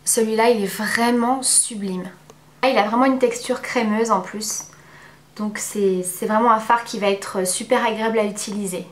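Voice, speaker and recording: A woman giving a casual, chatty makeup review at home, pausing often on fillers. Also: medium pitch, steady tone, roomy sound, a little hiss or hum. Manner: chatty, many filler pauses. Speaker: beauty vlogger.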